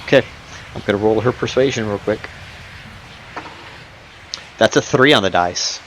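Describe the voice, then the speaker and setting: A man running a tabletop game as game master, improvising narration and pausing to search for words. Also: lowish voice, fairly bright tone, low-quality recording. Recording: clear background noise.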